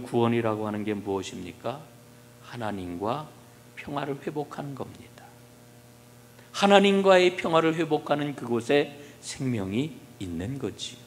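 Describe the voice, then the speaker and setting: A male pastor preaching a sermon, questioning the congregation and swinging between soft, low passages and loud emphasis. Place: church sanctuary. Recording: long reverb of a church hall.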